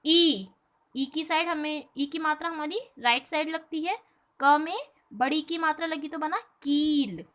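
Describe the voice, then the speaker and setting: Lady teacher, high bright voice, slow patient explaining, says each sound out loud for little kids. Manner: explains slowly, often asks and answers her own questions; addresses pupils as "beta". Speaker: primary school teacher. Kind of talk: recorded online class lesson.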